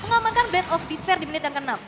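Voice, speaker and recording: An Indonesian woman commentates a live esports match in a high voice. Music plays clearly behind her as she casts. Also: expressive, rapid-fire. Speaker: esports caster.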